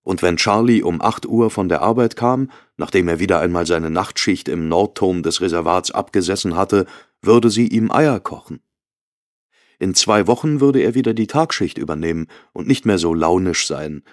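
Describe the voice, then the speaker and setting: A man giving a measured, scripted audiobook narration. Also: deep voice, dry recording, clean studio sound. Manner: measured, even storytelling.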